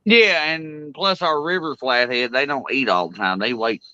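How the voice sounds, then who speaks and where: A man on a group call who jokes and teases, throwing in quick asides. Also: mid-range voice, pushed and bright, clean tone, no room sound. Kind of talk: casual group chat. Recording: dry, dull lo-fi call audio.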